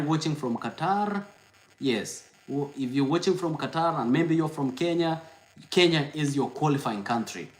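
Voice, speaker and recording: A man's voice: on the high side, roomy sound, low-quality recording. A man hosting a live stream, explaining steps and reading out viewers' comments, repeating himself to reassure them. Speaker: host answering viewers.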